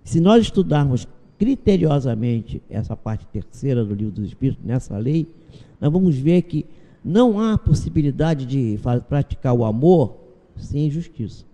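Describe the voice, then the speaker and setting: A Brazilian man, a doctor, speaking as an interview guest and telling anecdotes calmly, acting out the dialogue in them. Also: medium pitch, moderate pace. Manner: storytelling, acts out dialogue from anecdotes. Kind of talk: calm spiritual interview talk. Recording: long reverb on the voice.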